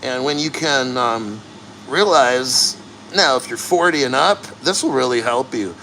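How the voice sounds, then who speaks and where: A man chatting casually and bluntly to livestream viewers, earnest and straining through the cold as he sits neck-deep in an ice plunge. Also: measured pace, bright, forceful tone, slight background noise, rough recording. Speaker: livestream host.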